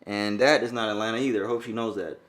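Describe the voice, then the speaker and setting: This fast-talking podcast co-host has a fairly low, fairly even voice. Jamaican-born and New York-raised, the young man keeps the chat casual and profane while joking about a viral song.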